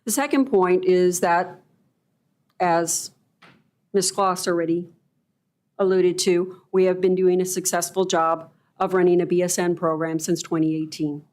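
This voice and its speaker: Lower-pitched woman, formal presenter. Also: steady tone, unhurried, a little mellow. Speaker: nursing school representative presenting a proposal. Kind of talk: formal prepared presentation to a board.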